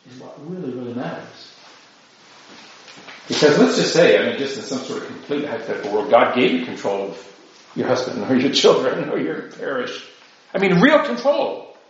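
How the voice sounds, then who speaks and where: A man's voice: medium pitch, a little hiss or hum. A man, a priest, giving a conversational talk to a group, often tossing in rhetorical "right?" asides. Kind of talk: informal lecture to a group. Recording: very echoey room, dull lo-fi sound.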